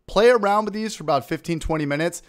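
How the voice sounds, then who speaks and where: Upbeat man hosting a software tutorial. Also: high-pitched, fast. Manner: upbeat, informal, narrates each click. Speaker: video tutorial host. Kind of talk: screen-recorded software tutorial.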